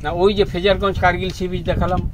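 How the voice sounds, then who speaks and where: A man's voice: sits high, little pitch movement, racing. A man, giving guided tour commentary on a boat deck and laying out his points one by one. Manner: explanatory, counts points off as a lecture. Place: open deck of a boat at sea. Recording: wind and boat noise outdoors.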